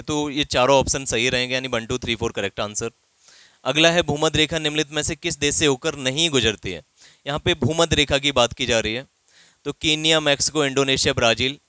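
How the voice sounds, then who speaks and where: Male teacher, bright voice, methodical quiz-answer delivery. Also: mid-range voice, clean tone, no echo. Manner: steady explanatory, reads each question then answers. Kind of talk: exam quiz lesson.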